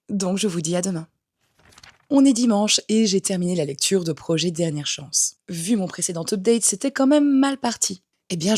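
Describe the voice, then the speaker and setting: A young adult woman giving frank book reviews in a casual vlog, with animated, playful asides. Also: on the low side, slightly rough. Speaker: book vlogger.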